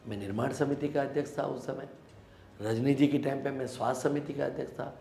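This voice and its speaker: Politician from Rajasthan, gravelly, emphatic and defensive, in a roomy echo with faint noise. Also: male voice, medium pitch, quick pace, dark tone, faint music behind. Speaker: local politician, interview guest. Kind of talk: sit-down interview answers.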